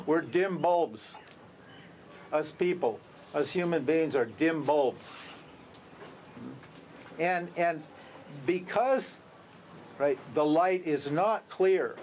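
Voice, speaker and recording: A man's voice: fairly high pitch, a little mellow, a little hiss or hum. A man, a spiritual teacher, giving an informal talk to a group, conversational and full of rhetorical questions. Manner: conversational, rhetorical questions, laughs at his own lines.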